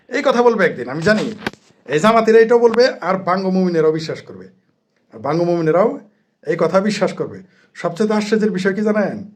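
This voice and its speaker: A man rails against his opponents in a combative monologue. His voice sits a touch high, and his tone is mocking and sarcastic throughout. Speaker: political commentator. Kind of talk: angry political monologue.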